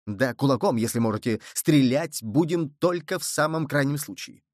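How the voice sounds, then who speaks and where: Man doing a bold musketeer; brisk, confident, dry read. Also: mid-range voice, expressive, dry recording, lightly acted. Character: bold cunning male musketeer, quick-witted.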